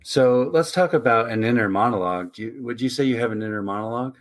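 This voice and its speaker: A man's voice: mid-range voice, fast. A man hosting a podcast, asking casual interview questions and laughing often. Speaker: podcast host.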